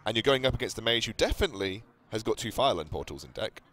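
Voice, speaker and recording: Low-voiced man analysing a card game live. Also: lively intonation, very fast, a bit bright. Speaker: esports commentator. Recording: game music with guitar behind. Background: game music with guitar.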